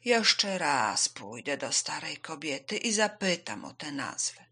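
A woman voicing a slow, patient male tortoise who speaks very slowly and carefully. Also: deep voice, sing-song, pushed and bright, slightly rough, heavily acted.

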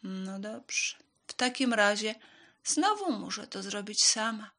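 A woman's voice: mid-range voice, lively intonation, slow, sharp tone, voice pushed up, heavily acted. A woman voicing a hardworking little red hen in a children's storybook, speaking earnestly and with emphasis.

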